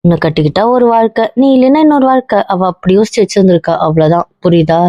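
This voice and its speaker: A woman's voice: mid-range voice, lively intonation, racing, dry recording, lightly acted. A young woman acting as a blunt married woman who lectures and comforts her heartbroken cousin, always asking if he understands. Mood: firm consoling. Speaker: actor in a web drama. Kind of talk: web series drama acting. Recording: dull, muffled dry audio.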